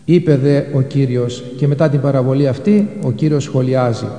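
A man's voice: mid-range voice, dark tone, roomy sound, big-room sound. A man preaching a sermon. He quotes scripture and then explains it in plain words. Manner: retells Gospel passages, quoting scripture in old Greek and explaining it.

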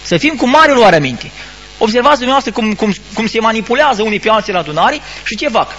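A male priest giving an admonishing sermon, full of rhetorical questions and halting restarts. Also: high voice, sing-song, fairly bright tone, highs cut off, soft background music. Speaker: Orthodox priest.

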